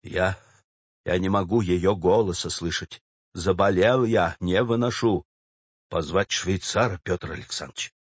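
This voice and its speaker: A man voicing a gruff, irritable bank clerk who mutters low and seethes in a storybook reading. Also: unhurried, no room sound, muffled recording. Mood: gruff seething.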